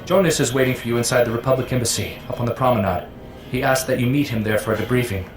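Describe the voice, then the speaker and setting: A man plays a friendly, businesslike squad leader in a video game, with a mid-pitched voice. He is brisk and to the point. The space sounds echoey, with faint music underneath. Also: natural voice. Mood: brisk, appreciative. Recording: roomy echo, faint music.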